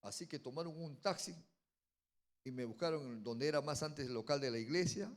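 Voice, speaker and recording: A man, a pastor telling a story in a sermon and building to loud, emphatic preaching. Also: a little high, moderate pace. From Peru.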